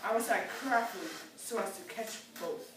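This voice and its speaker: A woman's voice: medium pitch, normal speed, lightly acted. A woman putting on a sly, crafty wolf. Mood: scheming. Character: crafty hungry male wolf. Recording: echoey room, mic far off, faint hiss.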